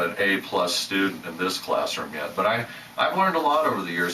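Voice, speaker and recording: A man's voice: lowish voice, bright, forceful tone, roomy sound, far from the mic, low-quality recording. Host, man, restless self-doubting talker, set back from the mic with a faint room hum. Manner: rambling, self-doubting, many restarts. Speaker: channel host. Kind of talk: rambling casual monologue.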